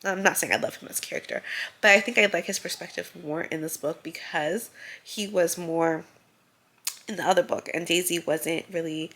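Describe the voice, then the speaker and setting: A young book vlogger chats casually about her reading in a rambling vlog, leaning heavily on the filler "like." Her voice is congested and stuffy, fairly low, steady in tone, a bit bright, and moderately paced.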